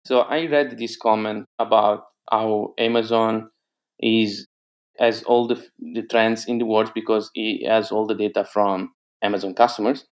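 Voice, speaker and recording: This guest entrepreneur has a lowish voice and an unhurried, flat delivery. Italian is his first language, and his accent shows as he talks haltingly in a casual interview, using many fillers and starting over often.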